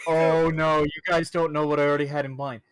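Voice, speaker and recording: A woman's voice: low voice, little pitch movement, brisk, a crowd in the background, poor audio. A woman player chatting and joking at a tabletop game, laughing often. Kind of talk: casual tabletop chat.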